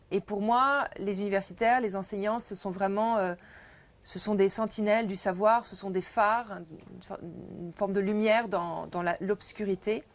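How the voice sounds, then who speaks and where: A middle-aged woman from France, an author and journalist, talking about her book in a reflective, measured way at a bookshop event. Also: mid-range voice.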